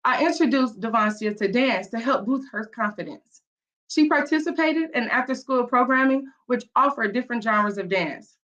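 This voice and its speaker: A woman from Mississippi with a Southern accent, giving an earnest, rehearsed business pitch over a video call. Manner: earnest, storytelling delivery. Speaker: entrepreneur pitching. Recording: dull lo-fi video call audio.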